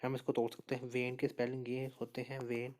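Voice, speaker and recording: Male teacher, mid-pitched, steady and patient, talks through each answer and repeats the key points. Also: fairly quick, a little hiss or hum. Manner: steady explainer, repeats answers and says "okay" often. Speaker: exam prep teacher. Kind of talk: spoken lesson walking through quiz answers.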